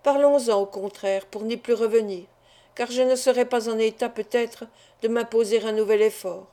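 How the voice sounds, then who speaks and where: A woman's voice: a little high, fairly even intonation, moderate pace, dark tone, lightly acted. A woman reading the lines of an anguished, honourable middle-aged father in an audiobook, grave and resolute. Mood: grave insistence.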